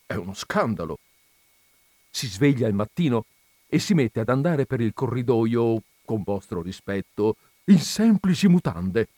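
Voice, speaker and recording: A man's voice: medium pitch, big pitch swings, measured pace, darkish tone, dry recording, voice pushed down. A man voicing a harried middle-aged landlord who complains plaintively and deferentially.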